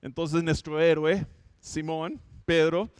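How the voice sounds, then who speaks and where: Clear, high-voiced man preaching. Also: fairly even intonation, takes it slowly, dry recording, studio quality. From Minnesota, United States. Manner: storytelling, self-correcting, with light humor. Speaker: pastor. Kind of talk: conversational sermon. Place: home setup for an online church service.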